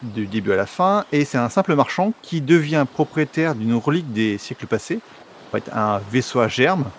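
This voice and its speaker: A man's voice: medium pitch, animated, moderate pace, a little hiss or hum. A man co-hosting a podcast in casual chat, explaining things in a chatty way with fillers. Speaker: podcast co-host.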